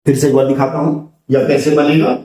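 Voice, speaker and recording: A man's voice: a little high, level tone, brisk, dark tone. A man teaching the Hindi alphabet step by step, patiently repeating each letter as he draws it. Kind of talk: slow step-by-step alphabet lesson. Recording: roomy sound from a distance.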